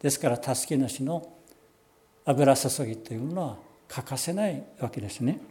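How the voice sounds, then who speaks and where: A pastor giving a sermon, explaining scripture in a measured way and slowing down on key phrases. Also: male voice, medium pitch, lively intonation, mellow, a little hiss or hum. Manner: measured, explanatory preaching with slowed emphatic phrases.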